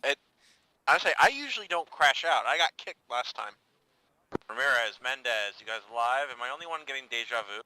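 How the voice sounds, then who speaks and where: A man chats over a headset while flying for his squad. He cracks dry, wry jokes in a sharp, very bright voice at an ordinary pitch. Faint noise sits behind him. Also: expressive, fairly quick, poor audio. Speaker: pilot in team game. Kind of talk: gaming voice chat.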